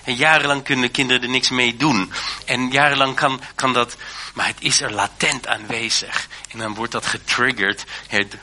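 Male preacher, earnest and halting, very bright tone. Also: medium pitch, fairly even intonation. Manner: earnest, hesitant with many fillers and restarts. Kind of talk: sermon.

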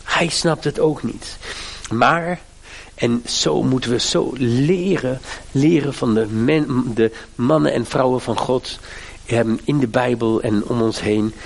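Middle-aged pastor guy, gravelly husky voice, preaching all fired up. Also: medium pitch, measured pace. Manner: fervent, emphatic preaching with direct appeals. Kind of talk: sermon.

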